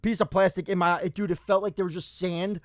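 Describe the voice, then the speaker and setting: A man co-hosting a podcast, telling a story in a casual, animated way, swearing often and acting out what people said. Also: high-pitched, fast talker. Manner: animated, swears a lot, acts out quotes. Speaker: podcast co-host.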